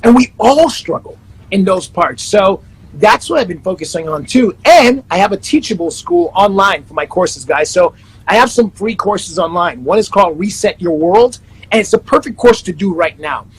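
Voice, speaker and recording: A life coach in his thirties, from Panama and the Netherlands, chats upbeat in a casual video-call interview, promoting himself and restarting often. His voice is high, animated and husky at normal speed, over a rough recording.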